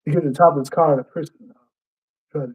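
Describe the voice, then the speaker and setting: A man's voice: on the high side, fairly even intonation, fast talker, a little mellow, slightly rough, poor audio. A man reciting his battle rap verses in rhythm, often restarting lines and muttering to himself when he forgets. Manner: rhythmic recital with frequent restarts and self-corrections. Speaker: battle rapper.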